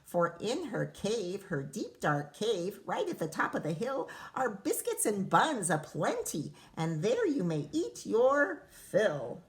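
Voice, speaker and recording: A woman's voice: medium pitch, huge pitch swings, takes it slowly, hardly any pauses. A young female duck from a children's storybook, acted out by a woman reader. She is plucky and sly, coaxing sweetly in a singsong rhyme to get her way.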